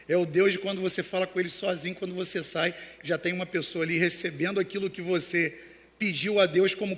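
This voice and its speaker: A man's voice: high-pitched, a bit bright, in a large hall. A man preaching a sermon as pastor, telling stories with many restarts. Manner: storytelling with acted quotes and many restarts.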